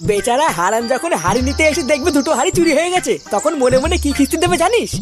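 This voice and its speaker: A woman's voice: high voice, animated, racing. A woman voicing a brash, bossy cartoon village lad. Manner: brash, scolding. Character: bossy young village man, gang leader. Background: background music.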